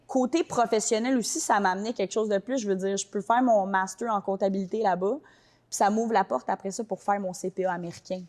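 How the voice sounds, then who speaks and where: A young woman with a Québécois accent talks quickly and loosely, packing her sentences with casual fillers. She sounds like an easygoing interview guest telling her story. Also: medium pitch, fairly even intonation, a little mellow. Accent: Québécois French. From Quebec. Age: young adult. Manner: quick, colloquial, many fillers like "genre" and "tu sais". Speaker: interview guest, soccer player.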